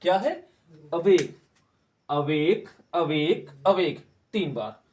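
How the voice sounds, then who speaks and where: Man, English teacher, higher voice, distant from the mic, repeats words, asks questions. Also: animated, takes it slowly, darkish tone. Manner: drills words aloud in repetition, asks the class questions. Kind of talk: spoken English lesson.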